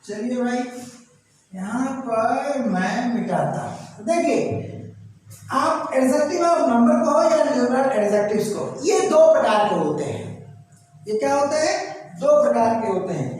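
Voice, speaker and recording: A man's voice: very high voice, expressive, a little slow, darkish tone, far from the mic, a little hiss or hum. A man teaching an English grammar lesson, asking his students questions and answering them himself, often checking that they follow. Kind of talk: classroom-style grammar lesson. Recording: very echoey room, voice from away from the mic.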